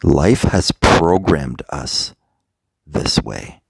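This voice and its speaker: A male meditation coach with an extremely low, creaky voice guides listeners through a meditation and soft motivational talk, speaking slowly in short phrases separated by long pauses. His gravelly, husky tone has lively intonation and is recorded close and dry, with no echo.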